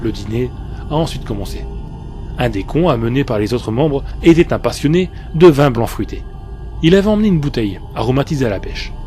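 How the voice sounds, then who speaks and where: Mellow-voiced man narrating a horror story. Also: medium pitch. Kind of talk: scripted first-person creepypasta narration. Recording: faint music bed behind the voice. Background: soft background music.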